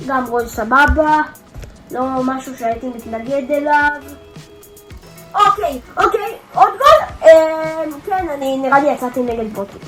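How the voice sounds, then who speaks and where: Very high-voiced excitable woman gamer. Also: low-quality recording. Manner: excitable, loud exclamations and rapid repeated words. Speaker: gaming video creator. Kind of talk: live gameplay commentary.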